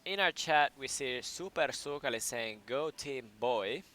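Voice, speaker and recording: A man's voice: medium pitch, lively intonation, a little slow, pushed and bright. A young man casting a student esports match live, breaking down team picks and often restarting his phrases as he thinks aloud. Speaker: esports caster. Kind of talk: live game commentary.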